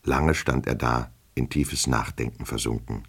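Deep husky guy reading an old novel on the radio, steady and measured. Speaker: reader.

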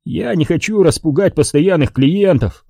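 A man's voice: a little high, expressive, normal speed, warm tone, dry recording, clean studio sound, pitched above the performer's own voice. A man voicing an easygoing, chatty older café owner, wheedling and jokey, in an audiobook. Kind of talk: audiobook character voice.

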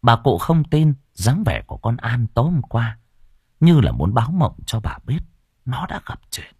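Gravelly, husky male audiobook narrator. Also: medium pitch, moderate pace, dry recording, clean studio sound. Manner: expressive, animated reading. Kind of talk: storytelling narration.

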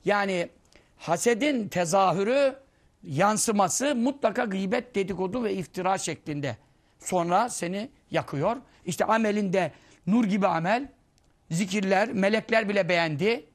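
A man giving a conversational religious lesson, telling anecdotes and acting out the people he quotes. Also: normal speed. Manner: storytelling, acting out quoted voices, lively swings in pitch and loudness. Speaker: Islamic preacher teaching hadith.

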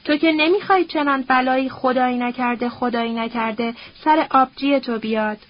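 Woman narrator doing a menacing, wheedling older schemer; storybook, high-pitched read, muffled audio. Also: close to an everyday voice. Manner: threatening, pleading. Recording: dull lo-fi recording.

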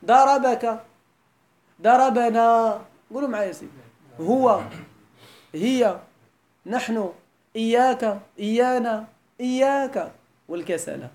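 Moroccan woman teacher, high voice with a lot of lift and fall, fires questions at the class. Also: lively intonation, moderate pace, pauses often, a little mellow. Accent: Moroccan Arabic. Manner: quizzes the class with frequent questions. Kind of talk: classroom grammar lesson.

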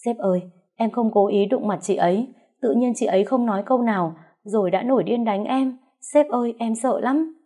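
A woman's voice: fairly high pitch, normal speed, mellow, voice pushed up, lightly acted. A woman voicing a scheming young woman coworker who pleads and wails as if innocent, in an audiobook reading. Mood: whiny pleading. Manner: pleading, wailing.

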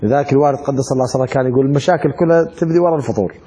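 A man's voice: medium pitch, racing, breathy edge. A man giving a religious law lesson, mixing readings with colloquial, joking asides. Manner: lively, colloquial, joking asides between read-out text. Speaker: religious teacher. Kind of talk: classroom lecture on religious law.

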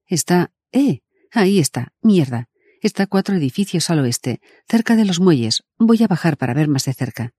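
A man voicing a defiant, sharp-tongued young woman in an audiobook, brusque and scornful and quick to swear. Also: mid-range voice, lively intonation, husky, no room sound, studio quality. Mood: flustered. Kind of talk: audiobook character voice.

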